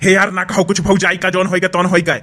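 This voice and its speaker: A man's voice: high-pitched, level tone, fast, bright, forceful tone. A man voicing a teasing Awadhi village brother-in-law. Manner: teasing, mocking. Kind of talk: cartoon voice acting.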